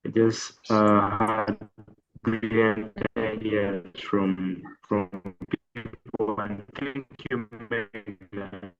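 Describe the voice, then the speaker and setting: A man attending a webinar by video call speaks in a halting, hesitant way. His audio keeps breaking up, and its volume rises and falls unevenly. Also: lowish voice, level tone, distant mic, dull audio.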